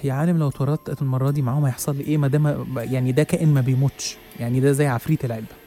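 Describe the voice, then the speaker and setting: A man's voice: medium pitch, steady tone, racing, mellow, a little hiss or hum. A young man with an Egyptian accent narrating a first-person horror story in a dramatic way, with hesitant restarts. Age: young adult. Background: faint music.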